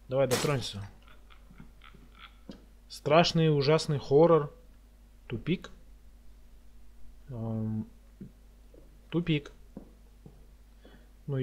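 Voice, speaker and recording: A man's voice: fairly high pitch, a little mellow. A man giving casual commentary on a horror game playthrough as a scared, jumpy streamer who mutters and swears as he reacts.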